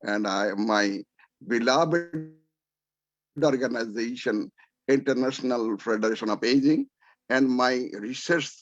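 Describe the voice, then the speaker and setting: A man from Bangladesh speaking up on a video call, rambling and halting, repeating words and losing track of names. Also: medium pitch. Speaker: audience member asking a question. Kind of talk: rambling audience comment over video call. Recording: dry muffled call audio.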